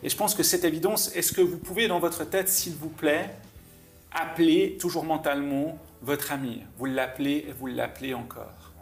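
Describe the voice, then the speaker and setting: Softly guiding man. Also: on the high side, steady tone, creaky, soft background music. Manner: soft, slow, suggestive instructions with hesitant restarts. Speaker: mentalist host. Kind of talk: guided visualization with a guest.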